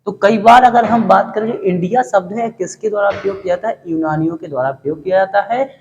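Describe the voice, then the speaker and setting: A male teacher lectures a class, posing questions and answering them himself while repeating key words and throwing in folksy, joking asides. His voice sits high with a darkish tone, and he talks fast. The lo-fi recording has slight background noise and a long hall reverb.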